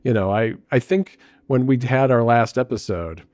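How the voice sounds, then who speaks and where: A man co-hosting a casual podcast chat, relaxed and wry, talking from a quiet room into a studio mic. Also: mid-range voice, moderate pace, no echo. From United States. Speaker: podcast co-host.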